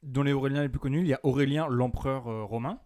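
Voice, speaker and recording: A young man co-hosting a podcast, answering in a deadpan tone with quick comebacks. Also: mid-range voice. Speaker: podcast co-host. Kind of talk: casual chat.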